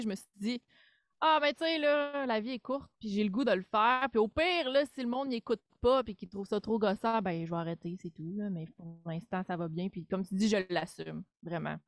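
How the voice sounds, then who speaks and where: A woman's voice: medium pitch, clean tone, no room sound. Québécoise woman guest, casual and chatty, home studio, dry. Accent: Québécois French. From Quebec. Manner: chatty, many fillers, laughs easily. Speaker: podcast guest. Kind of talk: casual interview chat.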